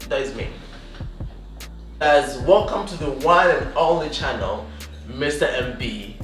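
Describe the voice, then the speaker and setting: A man hosting a casual video chat with two guests, lively and jokey, often laughing. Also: medium pitch, unhurried. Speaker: host. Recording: echoey room, voice from a distance, faint music behind.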